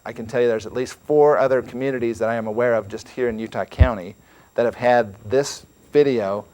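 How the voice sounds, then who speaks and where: A man's voice: mid-range voice, darkish tone. A man giving an earnest, emphatic religious lecture to a congregation, often repeating words as he talks. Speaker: church speaker.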